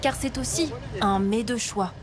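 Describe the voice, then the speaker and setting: Slow-paced woman, nature documentary narrator. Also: on the high side, a loud crowd. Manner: measured delivery with dramatic phrasing. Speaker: reporter narrating a travel report. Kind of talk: scripted nature documentary voice-over. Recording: voice-over mixed with prominent music. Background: music under the voice.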